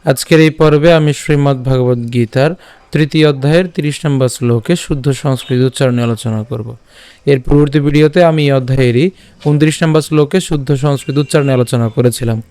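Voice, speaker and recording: A man's voice: medium pitch, mellow. A man teaching a scripture pronunciation lesson, patiently breaking a verse into syllables and repeating each part. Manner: slow syllable-by-syllable recitation; patient, repeats and checks with "ঠিক আছে". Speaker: Gita teacher.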